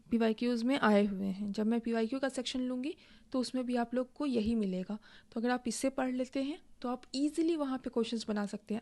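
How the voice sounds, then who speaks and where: A woman teaching an online exam-prep lesson, her fairly high voice carrying a gravelly, creaky edge. She talks slowly and deliberately because she writes as she goes. She poses a question to her students and then answers it herself. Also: a little mellow. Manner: explains slowly while writing, asks and answers own questions. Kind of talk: recorded online lesson, Hindi with English.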